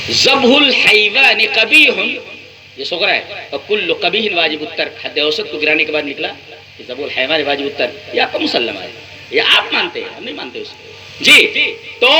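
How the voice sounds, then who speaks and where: High-voiced male scholar lecturing. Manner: explains point by point with rhetorical questions; recites verses slowly and deliberately. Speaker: Islamic scholar giving a lecture. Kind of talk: religious lecture comparing scriptures. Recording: noisy lecture recording.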